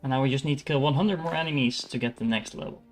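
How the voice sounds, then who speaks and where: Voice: medium pitch, quick pace, faint music behind. A streamer with a Dutch accent giving casual, chatty commentary while playing a video game. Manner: chatty, hesitant asides with fillers.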